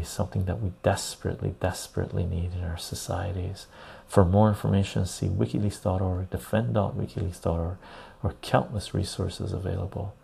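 A man hosting a casual live stream chats with viewers, repeating phrases for emphasis, and he also hosts a podcast. Recorded on a clip-on lapel mic, his voice sits low with vocal fry, a warm tone and a breathy edge.

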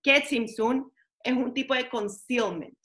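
Woman giving a chill spiritual class, keeps asking ok?, bright voice. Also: on the high side, unhurried. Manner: mixes English words into Spanish, asks "¿ok?" often. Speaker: teacher of a weekly class. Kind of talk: casual spiritual lesson.

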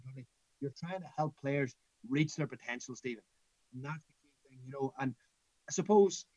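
A middle-aged man with a Northern Irish accent speaks rapidly and emphatically in a conversational interview. He repeats phrases as he tells anecdotes. The sound is dry and slightly dull. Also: medium pitch, no echo. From Northern Ireland. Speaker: school football coach.

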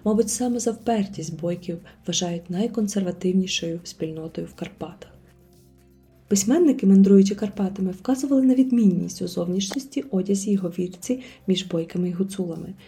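Dark-voiced woman narrating a podcast. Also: medium pitch, slightly rough, soft background music. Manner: calm, measured reading. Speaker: podcast host. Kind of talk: scripted narration.

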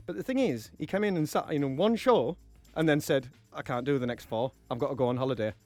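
A man's voice: mid-range voice, quick pace, no room sound, soft background music. A man with an English accent hosting a live radio show, joking and chatting in casual banter with his co-host in the studio. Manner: joking, chatty, self-mocking.

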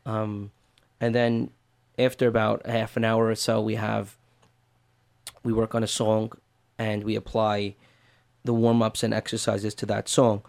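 Low flat-voiced man explaining. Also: unhurried, gravelly. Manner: earnest, explaining step by step. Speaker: voice teacher. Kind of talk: interview answers.

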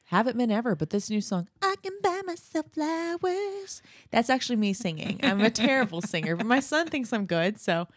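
A woman's voice: medium pitch, animated, fairly quick, few pauses, dry recording. Giggly woman co-host, dry close sound. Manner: giggly, jokey, self-teasing. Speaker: podcast co-host. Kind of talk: casual chat.

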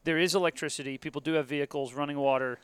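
An American man hosts a casual interview in a fairly high voice. He rambles and jokes wryly as he goes. The sound is very dry and close. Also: steady tone, rapid-fire, clean tone, no room sound. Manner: wry, jokey, rambling. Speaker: podcast host and interviewer. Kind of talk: casual, conversational hosting. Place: basement room of a convention center.

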